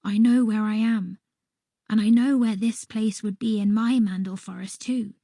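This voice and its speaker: A woman reading a first-person children's story aloud in a soft, unhurried voice that sometimes drops to a whisper. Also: medium pitch, fairly even intonation, dry recording, studio quality. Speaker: audiobook reader.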